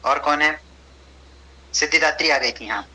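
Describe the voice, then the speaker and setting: Bright, husky-voiced male teacher. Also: on the high side, normal speed, rough recording. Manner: patient, encouraging, mixes English phrases. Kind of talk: online class instruction.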